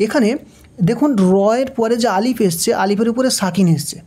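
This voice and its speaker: Female Quran tutor, Bangladeshi Bengali accent, warm mellow tone, patient drill-style lesson with rhetorical questions. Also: a little high. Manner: patient, repeats syllables slowly, asks and answers own questions. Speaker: Quran reading teacher. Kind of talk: step-by-step recitation lesson.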